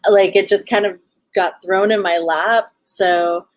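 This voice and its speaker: Heard in a dry recording, a woman with a mid-range, steady, slightly slow voice talks as a guest in a casual live interview. She's from Los Angeles, United States, co-founded the show and organizes events, and her Californian Valley Girl accent comes with a bubbly, slangy sorority-girl manner.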